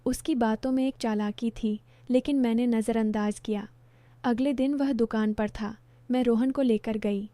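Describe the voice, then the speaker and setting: A woman narrating a first-person story in a calm, measured, reflective way. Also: on the high side, dry recording.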